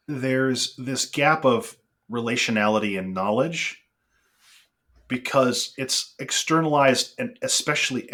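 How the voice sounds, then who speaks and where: A man's voice: lowish voice, sharp tone. A man in a casual podcast conversation, talking in an earnest, reflective way.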